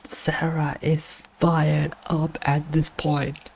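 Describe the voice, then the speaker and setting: A man doing play-by-play commentary on a wrestling video game, excitable and exclaiming at surprises, his voice strained and going hoarse. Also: on the high side, drawn-out words, a little hiss or hum. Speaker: gaming channel host doing commentary.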